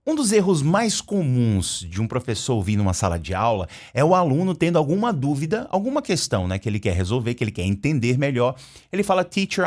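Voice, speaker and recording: Lively Brazilian teacher drilling English phrases. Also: male voice, medium pitch. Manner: lively, repeats English phrases slowly to model pronunciation. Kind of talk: English lesson explained in Portuguese.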